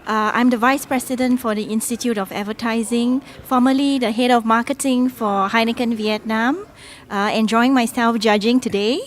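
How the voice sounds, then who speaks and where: A woman from Singapore answering interview questions as an advertising judge, speaking deliberately and pausing often with fillers. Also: a little high, steady tone. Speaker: advertising institute vice president, judge.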